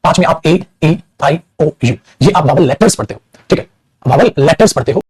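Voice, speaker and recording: A man's voice: a little high, animated, a little fast, darkish tone, husky, dry recording. A man teaching an English grammar lesson in Hindi, calling his students beta and repeating his points with emphasis, with a Hindi accent on English words.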